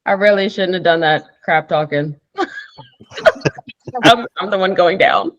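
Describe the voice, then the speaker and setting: A man's voice: sits high, unhurried, fairly bright tone, no room sound, muffled recording. A man playing as a contestant on a comedy game show, giggly and self-deprecating. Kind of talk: casual chat.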